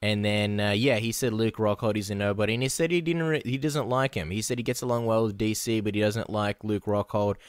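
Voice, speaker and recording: A man's voice: fairly low pitch, steady tone, a little fast, few pauses, clean tone, no room sound, studio quality. A Polish-born man, co-hosting a casual podcast chat in a rambling, joking way. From Poland. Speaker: podcast co-host.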